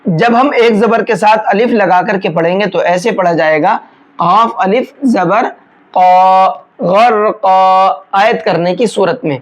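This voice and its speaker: A Quran recitation teacher giving a tajweed lesson, explaining each rule patiently step by step and breaking into slow, drawn-out chanted recitation of single words. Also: mid-range voice.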